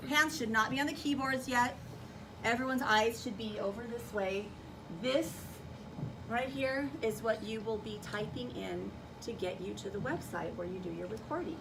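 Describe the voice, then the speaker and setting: This primary teacher's voice is fairly high and creaky, moving at a moderate pace. She directs young children, repeats her instructions, and asks many questions, and the recording picks up lots of classroom noise.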